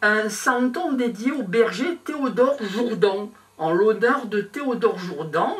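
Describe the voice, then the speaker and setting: An older man from Provence presenting his handmade nativity crib to camera in a small room, talking in slow halting phrases full of pauses and fillers. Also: high-pitched, fairly bright tone, recorded from a distance. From Provence, France. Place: small indoor room with a decorated table. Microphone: clip-on lapel mic.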